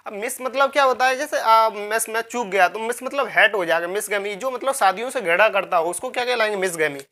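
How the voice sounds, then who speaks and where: Woman teacher repeating words slowly. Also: medium pitch, fairly bright tone. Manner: repeats key words and asks herself questions; spells words out letter by letter. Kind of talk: vocabulary lecture.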